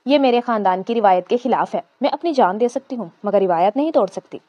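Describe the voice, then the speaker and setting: A woman voicing a frightened young bride who pleads in tears, her cries rising high. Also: animated, mellow, no echo, dull audio, lightly acted. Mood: defiant.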